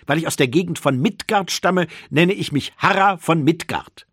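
A man voicing a calm, patient male wolf-like creature who is a teacher, explaining in an audiobook. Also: fairly high pitch, moderate pace, breathy edge, dry recording, clean studio sound, voice pushed up.

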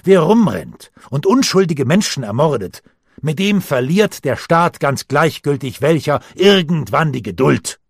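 A stern, commanding middle-aged uncle, read by a man in a husky voice, laying down hard truths to his nephew with rising force. The sound is close and dry. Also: on the high side, very animated, unhurried, no room sound, pitched above the performer's own voice, heavily acted. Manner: firm, commanding, lecturing.

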